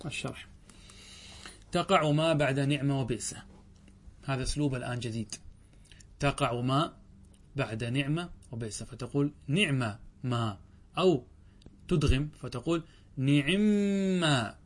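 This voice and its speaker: A man teaching a grammar lesson. He reads lines of a text slowly, then explains them, often asking a question and answering it himself. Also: mid-range voice.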